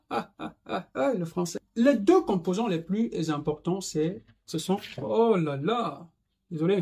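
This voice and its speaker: A man with a fairly high, husky voice teaches a video lesson. He explains at length, often checking in with "n'est-ce pas" and slipping English terms into his sentences. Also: darkish tone. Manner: mixes English terms into French.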